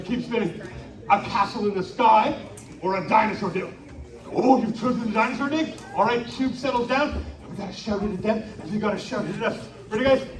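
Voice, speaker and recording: A man performing a live interactive story show at a winter carnival, coaxing the audience into shouted call-and-response. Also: sits high. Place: outdoor winter carnival stage. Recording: echoey, distant live recording with crowd.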